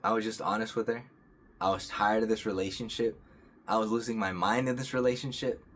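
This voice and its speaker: A young man with a lowish voice tells a personal story straight to his viewers. He is calm and earnest, rambles, and often stops to restart his sentences. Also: fairly quick. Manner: rambling, many restarts and fillers. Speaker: vlogger. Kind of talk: casual storytelling to camera.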